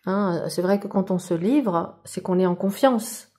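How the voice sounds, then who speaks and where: This monthly tarot reading comes from a woman whose voice is mid-range and dark, and who takes her time. Talking casually to the viewer in a spiritual vein, she keeps breaking into eager exclamations of wonder at the cards.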